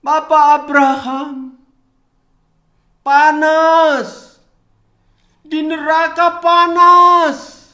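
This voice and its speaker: A tormented rich man begs and wails for mercy, as a man puts him on. The voice sits very high and drawn out, a storybook plea. The room around it rings with echo. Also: pushed and bright, full character voice. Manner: desperate, begging and wailing.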